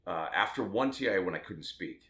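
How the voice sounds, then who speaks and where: Low-voiced candid man in his fifties. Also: expressive, a little fast, a bit bright. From Las Vegas, Nevada, USA. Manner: candid, rambling, with self-mocking asides. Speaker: tattoo artist. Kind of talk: personal storytelling to camera.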